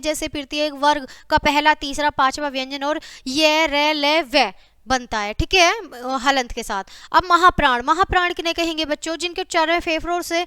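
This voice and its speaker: Bright high-voiced woman teacher. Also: no echo, studio quality. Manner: repeats "ठीक है" and addresses "बच्चों" constantly; lists example words one by one. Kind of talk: classroom grammar lecture.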